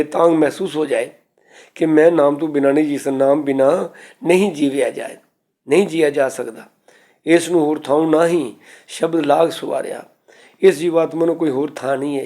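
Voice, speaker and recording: A man giving a scripture exposition sermon, reciting verses slowly and then explaining them in plain words. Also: a little high, warm tone. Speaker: Sikh preacher.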